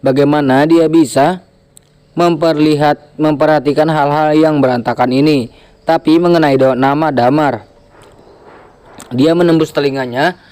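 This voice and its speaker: A man reading a translated novel aloud, steady, with occasional stumbles and restarts. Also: fairly high pitch, measured pace, long pauses. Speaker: web novel reader.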